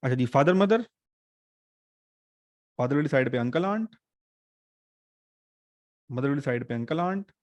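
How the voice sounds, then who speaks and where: A male teacher runs an online exam-prep class in a chatty, joking way. His voice sits at an ordinary middle pitch and is recorded dry and close on a desk mic, with no room sound. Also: expressive, measured pace, pauses often, a little mellow, dry recording. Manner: chatty, joking teacher mixing English terms.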